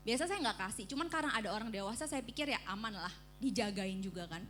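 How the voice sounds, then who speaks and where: A woman preaching at a church service, telling a personal story in an animated way and acting out the screams in it. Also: mid-range voice, quick pace, faint music behind.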